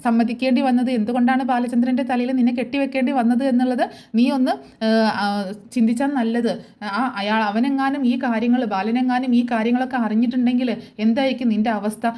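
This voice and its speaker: A woman's voice: a little high, fairly even intonation, fast talker, warm tone, lightly acted. A woman voicing a stern older grandmother who firmly rebukes her grown daughter, in a serial retelling.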